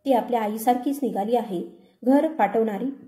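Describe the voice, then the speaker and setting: A woman's voice: fairly high pitch, moderate pace, warm tone, echoey room, close to an everyday voice. A woman voicing a scheming older aunt who wails and accuses with false tears. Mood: accusing. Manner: wailing, accusing.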